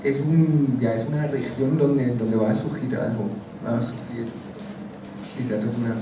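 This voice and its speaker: A man's voice: mid-range voice, flat delivery, unhurried. Man, hesitant repetitive panel speaker, heavily echoing and noisy recording. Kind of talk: spontaneous panel discussion. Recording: very echoey, distant, noisy.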